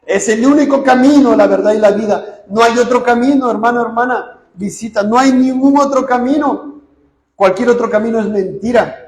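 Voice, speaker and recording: High-voiced preacher in an echoey room. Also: male voice, normal speed. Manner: questions the congregation, then answers; swings between loud outbursts and dropped low asides. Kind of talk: sermon retelling scripture.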